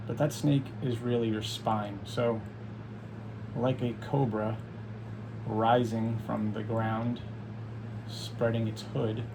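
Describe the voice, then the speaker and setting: A man leading a guided meditation as a teacher, speaking calmly and soothingly in unhurried instructions with long pauses. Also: on the low side, vocal fry, noisy background.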